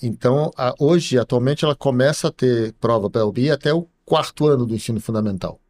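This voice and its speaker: A middle-aged man, a university professor, explaining things slowly as a podcast guest, with many pauses and tag questions. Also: mid-range voice, a little mellow. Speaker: computer science professor guest. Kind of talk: podcast interview.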